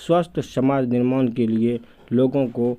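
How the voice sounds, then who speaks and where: A male teacher slowly reading textbook questions and answers aloud, measured like dictation. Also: medium pitch, fairly even intonation, dark tone. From India.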